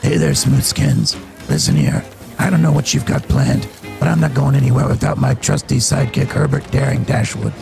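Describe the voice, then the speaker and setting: A man voicing an eccentric ghoul adventurer in a raspy ghoul voice. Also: mid-range voice, lively intonation, moderate pace, over music, voice pushed down. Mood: gruff, theatrical. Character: gravelly ghoul, eccentric old wasteland adventurer.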